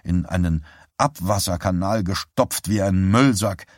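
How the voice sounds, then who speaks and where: A man voicing an older male doctor who talks in an earnest, halting, apologetic way. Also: low voice, dry recording, clean studio sound. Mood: earnest, troubled.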